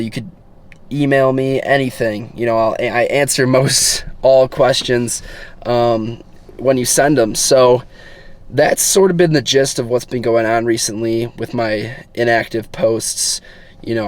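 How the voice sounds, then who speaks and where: A teenage boy turning eighteen, talking casually and earnestly to his viewers, rambling with many fillers and restarts. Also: medium pitch. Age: teens. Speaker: fitness vlogger. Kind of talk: casual talk to camera.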